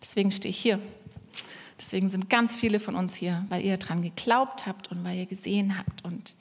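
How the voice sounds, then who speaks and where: A woman preaching a lively sermon to her congregation, acting out voices and joking with the listeners. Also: medium pitch, normal speed. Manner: lively, acts out voices in quotes, jokes with congregation. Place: church hall. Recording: church hall reverb.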